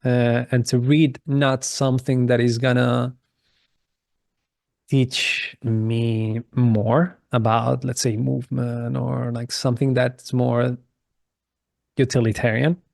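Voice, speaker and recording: Flat, gravelly man with a dry sound. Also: medium pitch, dry recording. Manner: candid, halting, repeats words when starting a thought. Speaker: podcast guest, movement coach. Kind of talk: casual conversational interview.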